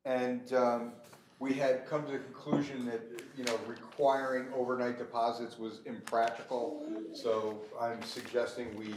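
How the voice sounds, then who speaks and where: A man chairs a policy meeting at an unhurried, halting pace, filling gaps with ums. He sounds set back from the microphone in a roomy space. A steady hiss of noise sits under his voice. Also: mid-range voice. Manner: slow, hesitant, many ums. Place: school office meeting room. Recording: roomy, distant, noisy meeting room mic.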